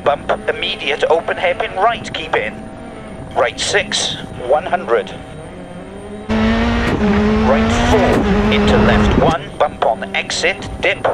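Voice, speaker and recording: A focused video game rally co-driver with a high voice. He fires off rapid pace notes in clipped, urgent short calls, under loud car engine noise. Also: animated, over loud music. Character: focused male rally co-driver calling the road.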